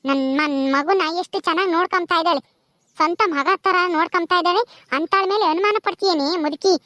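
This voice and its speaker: A woman's voice: quick pace, a bit bright, no room sound, clean studio sound. A woman doing a vengeful ghost first wife. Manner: scolding, vengeful, low.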